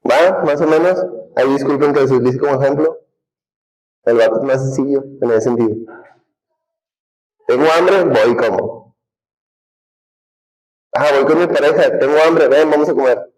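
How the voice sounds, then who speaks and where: A man's voice: medium pitch, moderate pace, pauses often, a little mellow, poor audio. A man teaching a humanities class, talking conversationally and putting questions to the students. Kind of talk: classroom lecture.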